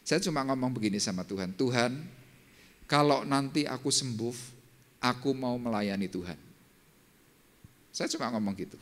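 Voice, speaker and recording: An older man delivers a church sermon woven with personal testimony. His voice sits at an ordinary middle pitch, but he moves freely between hushed, low asides and sudden loud, high-pitched cries. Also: moderate pace, pauses often. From Indonesia. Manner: animated, swings from low murmurs to loud high exclamations. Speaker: pastor. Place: church service.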